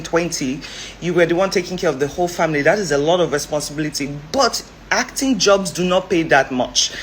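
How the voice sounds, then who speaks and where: A woman giving opinionated advice on a vlog, direct and lecturing, firing off rhetorical questions and sometimes talking fast. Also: lowish voice, a little hiss or hum, low-quality recording. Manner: talks fast at times. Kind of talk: opinionated social commentary.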